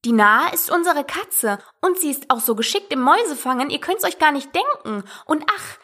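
A woman's voice: sits high, big pitch swings, moderate pace, fairly bright tone, voice pushed up. A woman voicing a curious, polite young girl who talks eagerly and earnestly.

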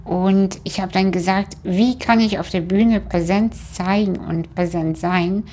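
A woman talking about her voice and the stage in a relaxed chat. She pauses often and searches for her words. Her voice sits at an ordinary middle pitch. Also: a little hiss or hum. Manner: hesitant, with frequent fillers and restarts. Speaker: stage speaker. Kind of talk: casual conversation.

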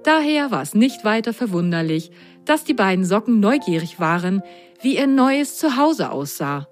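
A woman reading a children's bedtime story aloud in a gentle, unhurried storytelling manner. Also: mid-range voice, very animated. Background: faint music.

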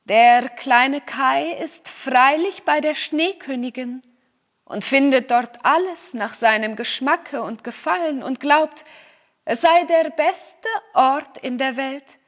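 A woman reading aloud and voicing a wise old Finnish healer woman in a storybook, calm and instructive. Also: high voice, takes it slowly.

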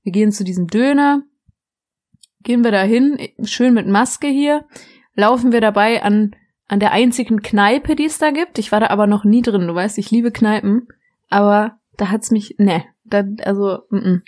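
A young woman co-hosting a casual podcast, rambling through anecdotes. She giggles often and restarts her sentences. Her voice sits at an ordinary pitch for a woman. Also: normal speed, a little mellow. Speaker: podcast co-host. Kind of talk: casual chat.

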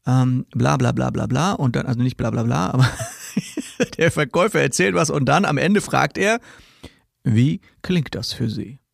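A man's voice: medium pitch, normal speed, vocal fry, no room sound, clean studio sound. A man hosting a podcast as a sales trainer, talking casually and directly, laughing as he mocks stock sales phrases.

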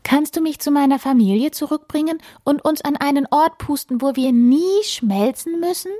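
A tiny snowflake girl, lost and tearful, as a woman reading a bedtime story puts her on. Her voice sits very high and whines in pleading tones. The sound is dry and close. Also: normal speed, warm tone, no echo, lightly acted. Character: small sad female snowflake, tearful and anxious.

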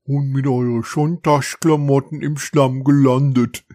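Guy doing a chunky security mouse, thick dialect, slow, kinda husky, storybook voice. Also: medium pitch, darkish tone, no room sound, clean studio sound. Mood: amused. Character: burly male house mouse security guard, dry humor.

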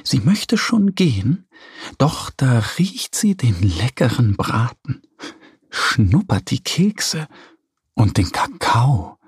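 A man reading a children's story aloud with calm, expressive storytelling. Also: mid-range voice, takes it slowly, slightly rough, no echo, clean studio sound. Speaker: narrator.

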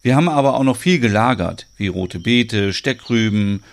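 A man's voice: lowish voice, animated, moderate pace. A man playing Bjarne, a friendly farmer of about forty who patiently explains how his farm works. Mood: explaining.

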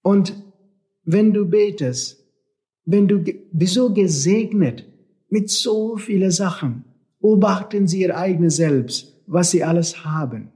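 A man's voice: high voice, slow pace, dark tone. A man speaking German as a non-native, giving an earnest spiritual talk full of rhetorical questions and repetition. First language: not German. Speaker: spiritual teacher.

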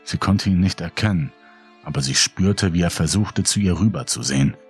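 Deep, husky male horror narrator. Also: sing-song, soft background music. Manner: dark, measured storytelling.

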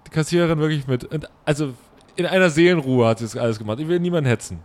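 A young German man telling a long, animated everyday story in casual chat, acting out his own inner voice and mocking himself. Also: fairly high pitch, racing.

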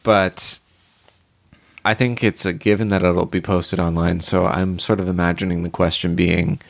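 A man's voice: sits low, little pitch movement, moderate pace, gravelly. A man co-hosting a podcast, teasing and cracking crude jokes in casual chat. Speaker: podcast co-host.

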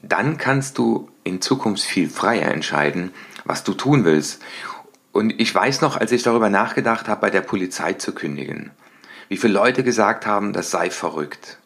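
A middle-aged man hosting a motivational podcast, talking lively and acting out little everyday scenes in changing voices. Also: lowish voice, normal speed, creaky. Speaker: podcast host and coach.

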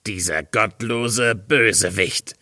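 A man's voice: lowish voice, takes it slowly, pushed and bright, no echo, studio quality, exaggerated voice. A man playing a hot-tempered old tailor in a storybook reading, scolding and indignant. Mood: enraged.

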